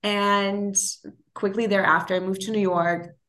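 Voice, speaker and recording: A woman in her twenties, by birth, tells her story in relaxed conversation. She laughs easily and often restarts her sentences, filling gaps with small hesitations. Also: mid-range voice, measured pace. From Germany (Berlin). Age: 20s. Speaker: guest, interior designer. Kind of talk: casual interview conversation.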